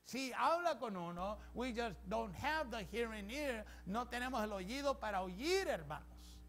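High-voiced animated bilingual pastor. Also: male voice, unhurried, slight background noise. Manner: animated, repeats each point in both languages, calls the congregation "hermano". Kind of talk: bilingual sermon, switching between English and Spanish. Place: church.

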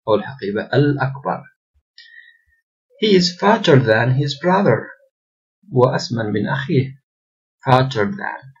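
A man teaching English grammar, reading English examples slowly and explaining them quickly between them. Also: medium pitch, slightly rough. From Yemen. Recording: dull lo-fi recording.

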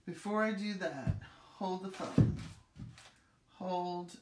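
A woman's voice: fairly low pitch, takes it slowly. A middle-aged woman hosting a live craft demonstration, chatty and upbeat, talking as she works. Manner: chatty, upbeat, talks while working. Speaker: craft demo host. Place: craft room with table. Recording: echoey room with clear background noise.

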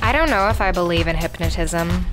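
A woman's voice: fairly low pitch, expressive, brisk, over music, lightly acted. A woman voicing a cool, skeptical, tech-savvy girl toy in a cartoon. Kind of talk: scripted toy animation voice acting.

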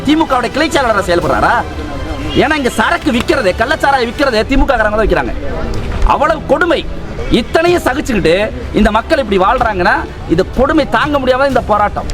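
Very high-pitched indignant man at protest. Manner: indignant, emphatic, rhetorical questions. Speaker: protest spokesman. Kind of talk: impassioned protest statement.

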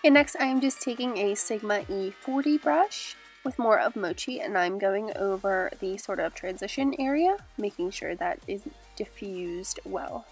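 Soft background music plays as a young beauty vlogger, her voice stuffy and nasal from a cold, chats upbeat and casually through each step of a makeup tutorial. Her mid-range voice moves at a moderate pace with hardly any pauses, in a small indoor room with a glitter backdrop.

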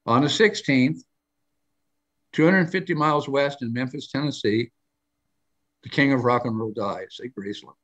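Through a muffled recording, an older male guest on a live show tells rambling anecdotes in a mid-range, fairly bright voice at normal speed, pausing often. He restarts frequently in this casual interview chat and raises his voice to act out quoted lines.

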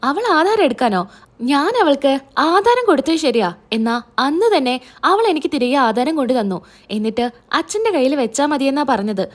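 High-voiced woman retelling a story. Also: a little fast. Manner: lively retelling with quoted dialogue in a light acted tone. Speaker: serial recap narrator. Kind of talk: casual storytelling recap, voicing all characters herself.

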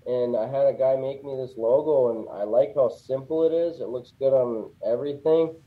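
A man guest talking casually in an interview, plainspoken and relaxed, with a lot of "you know". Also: mid-range voice, moderate pace. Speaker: guest, custom fishing rod builder. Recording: tinny phone-like line.

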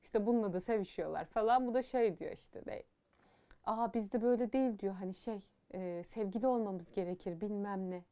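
A young woman chats through a book review in a casual, animated way, opinionated and blunt, her voice soft and warm in tone. She leans on fillers and asides as she goes. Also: mid-range voice, fairly quick, hardly any pauses, smooth.

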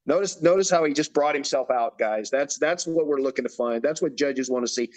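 A man's voice: mid-range voice, fairly quick. A man coaching a bodybuilder through posing routines, giving directions and repeating his cues. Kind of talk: instructional demonstration.

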